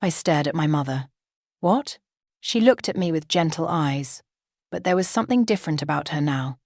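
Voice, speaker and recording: A woman narrating a first-person story in a steady, dramatic way. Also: sits low, a little fast, no echo, clean studio sound.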